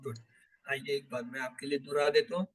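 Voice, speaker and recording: Male Quran teacher, slow drilled recitation, mid-range voice. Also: mid-range voice, little pitch movement, low-quality recording. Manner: recites Arabic word forms slowly, explains in Urdu. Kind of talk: online class recitation teaching.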